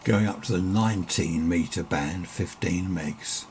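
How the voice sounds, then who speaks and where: In a noisy home radio room with static behind him, a British man demonstrates his amateur radio hobby casually and off the cuff. His voice is low, unhurried and darkish in tone. He talks in a rambling, conversational way.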